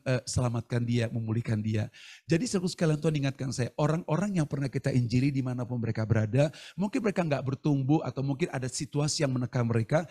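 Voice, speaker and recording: A man preaching a sermon over a video call, telling stories in an animated, chatty way. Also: mid-range voice. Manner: animated, chatty storytelling with laughs. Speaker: pastor. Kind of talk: storytelling sermon.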